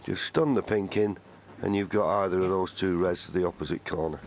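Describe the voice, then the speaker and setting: A man giving measured, understated live commentary on a snooker match. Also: low-pitched, fairly even intonation. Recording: faint live arena noise.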